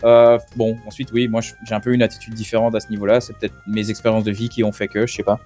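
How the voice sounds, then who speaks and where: A man's voice: fairly low pitch, completely flat delivery, quick pace, dark tone, faint music behind. A man in a casual group discussion over a call, rambling with lots of fillers and asides. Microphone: computer on a call.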